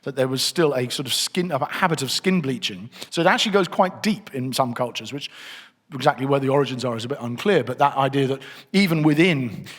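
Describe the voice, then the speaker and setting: A middle-aged man leads a conversational teaching session in a church hall, thinking aloud as he moves through his slides. His mid-range voice is lively in intonation and fairly quick. The hall gives the recording a long reverb.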